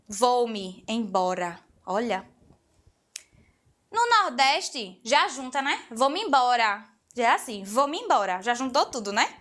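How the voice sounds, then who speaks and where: A young woman from Recife with a Pernambuco accent, teaching an exam-prep lesson in a lively, chatty and playful way, talking straight to her viewers. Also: very high voice. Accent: Pernambuco Portuguese. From Recife, Brazil.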